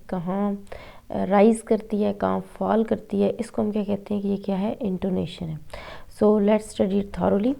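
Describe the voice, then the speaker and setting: Slow gravelly woman teaching English. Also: mid-range voice, dark tone. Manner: slow, explanatory, mixing Hindi-Urdu with English. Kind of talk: online phonics lesson.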